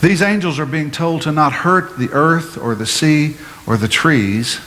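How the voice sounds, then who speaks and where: A male pastor giving a measured, explanatory Bible-teaching sermon, asking his listeners questions as he goes. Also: on the high side, bright, forceful tone. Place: church sanctuary. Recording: long hall reverb, faint room noise.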